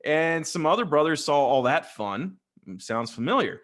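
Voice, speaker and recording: A man's voice: fairly high pitch, lively intonation, moderate pace, fairly bright tone. Chatty man telling stories. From West Texas. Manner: chatty, rambling, jokey. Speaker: guest, Freemason. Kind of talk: casual storytelling interview. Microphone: desk microphone on a video call.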